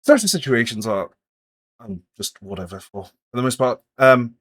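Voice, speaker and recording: A man's voice: fairly low pitch, lively intonation, unhurried, husky. Guy doing a sweaty anxious lady scholar, stutters a lot, tabletop game. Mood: nervous. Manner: anxious, stammering, hesitant. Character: nervous sweaty masked woman, dragon scholar.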